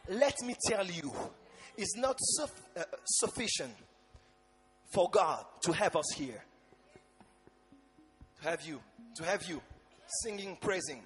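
High-pitched fiery man preaching a sermon. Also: lively intonation, slow, long pauses. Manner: impassioned, emphatic, repeating phrases with shouted calls to the congregation. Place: large church hall, on and before a stage. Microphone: handheld microphone.

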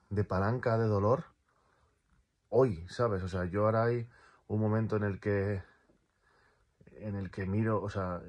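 A man vlogger with a low, darkish voice rambles casually through a personal vlog. He's in pain from a torn calf, repeats words, and swears freely.

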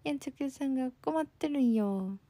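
Her voice is high-pitched and mellow at a normal speed, with no echo. A young livestream host with a Kansai accent, she chats casually, reads out comments, and thanks viewers often in a bubbly yet slightly sleepy way.

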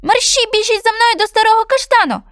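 A small, eager bullfinch from a storybook, as a woman reader puts it on, chirping out its words in a very high, bright voice. It exclaims loudly and bounces over a wide range. The sound is close and dry. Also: lively intonation, quick pace, dry recording. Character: small grateful excited bullfinch bird.

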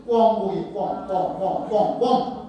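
High-voiced priest lecturing in an echoing hall. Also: male voice, slow, distant mic, lo-fi sound. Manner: asks the audience questions and answers them himself. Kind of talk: retreat lecture to a live audience. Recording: very echoey hall, recorded from afar.

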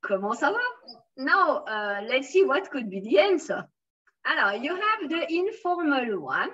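A woman's voice: sits high, sing-song, unhurried, a bit bright, dull audio. A woman with a French accent teaching a beginners' French lesson, patiently modelling phrases and encouraging her students.

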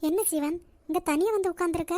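A woman voicing a pleading, lovesick young woman in a cartoon, with a Nagercoil Tamil accent and a soft, pleading manner. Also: extremely high pitch, steady tone, quick pace, dry recording, clean studio sound. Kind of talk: cartoon voice acting.

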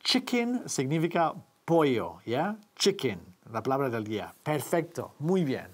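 A woman with a low, slightly husky voice hosts a televised English lesson. She speaks slowly and with a lively, expressive lilt, repeating each word so viewers can follow. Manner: patient, repeats words for practice. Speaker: English teacher, TV presenter. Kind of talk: bilingual TV language lesson.

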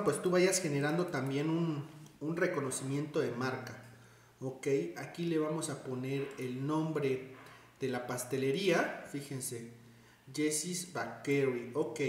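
A man's voice: fairly high pitch, slight background noise. A man giving a chatty design tutorial, thinking aloud and correcting himself as he works. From Mexico. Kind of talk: screen-recorded tutorial. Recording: very echoey room.

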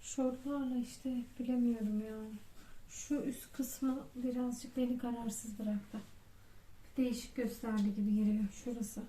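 A woman's voice: fairly high pitch, fairly even intonation, a little slow, mellow. A woman vlogging a casual clothing try-on, chatty and thinking aloud as she weighs each piece. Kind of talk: casual try-on haul vlog. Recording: echoey room with faint noise.

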